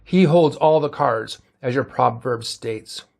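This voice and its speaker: A man playing a calm, logical first officer in a read-aloud sci-fi story, formal and measured in delivery. The voice stays close to the narrator's own, unhurried and precise. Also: medium pitch, gravelly.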